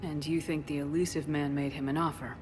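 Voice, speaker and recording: An actress playing a frank, steady military commander in a video game, firm and matter-of-fact with a note of care. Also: female voice, deep voice, a little fast, natural voice. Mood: concerned, firm. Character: female military commander, steady, frank, concerned, loyal to comrades. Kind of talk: video game cutscene acting. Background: music.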